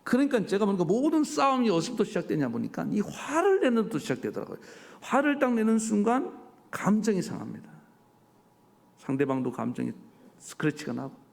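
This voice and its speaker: Male pastor preaching, kinda high voice, gravelly, lots of questions at the crowd, echoey church. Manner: animated, rhetorical questions to the congregation. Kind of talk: sermon. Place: church sanctuary. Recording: church hall reverb.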